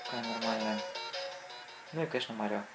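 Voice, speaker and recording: A man giving casual gameplay commentary as a console reviewer, thinking aloud haltingly as he plays. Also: lowish voice, fairly even intonation. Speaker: video game console reviewer. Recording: loud game music behind voice. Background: loud video game music.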